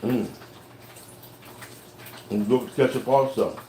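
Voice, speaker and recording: A man's voice: on the low side, fairly even intonation, moderate pace, echoey room, far from the mic, low-quality recording. Casual male outdoor cook, folksy, live-stream chat, faint background noise. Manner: folksy, tastes food while talking. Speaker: outdoor cooking livestreamer. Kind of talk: casual cooking livestream.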